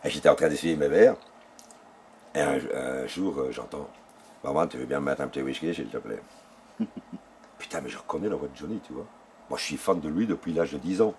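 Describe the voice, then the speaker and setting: An older Belgian man with a bass voice and a Belgian French accent is interviewed casually, recounting his memories with gusto and acting out the dialogue. He talks a little fast but pauses often, and there's slight background noise.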